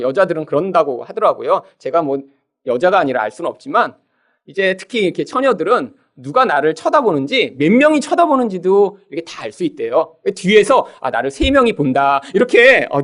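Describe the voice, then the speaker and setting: A man preaching a sermon as pastor, animated, often calling out to the congregation and acting out quoted voices. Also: high-pitched, a little fast. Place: church sanctuary.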